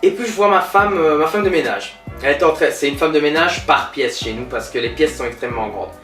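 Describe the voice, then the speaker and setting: A slightly fast man with a fairly high voice, lightly acting, portrays a pompous, bragging billionaire entrepreneur during a comedy sketch interview. His storytelling is lively, boastful and smug. Faint music plays in a roomy recording made with a distant mic.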